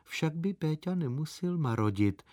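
A shrill, preachy aunt voiced by a man squeaks out her complaints in a very thin, high voice. Her pitch swings all over, and the recording is dry and close. It is a storybook reading. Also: expressive, dark tone, no echo, close to an everyday voice. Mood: scolding. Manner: scolding and preachy. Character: shrill, nagging, stingy middle-aged aunt.

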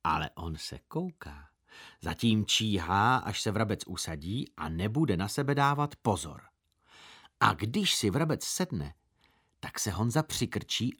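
Man narrating a story, first-person boy's tale, expressive, very lively pitch, mid-pitched voice.

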